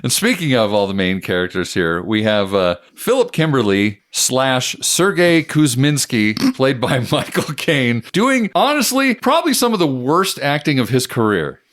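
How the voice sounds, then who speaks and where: A man's voice: mid-range voice, big pitch swings, a bit bright. Easygoing male podcast co-host. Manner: easygoing, laughs often, quick agreeing replies. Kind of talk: casual movie review chat.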